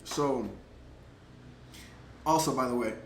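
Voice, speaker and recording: A male vlogger and native English speaker tells a personal story at a slow pace in a medium-pitched voice, chatty and full of "like" and "um," laughing between thoughts. He's animated and gets louder at the exciting parts. The room is echoey, with faint background noise.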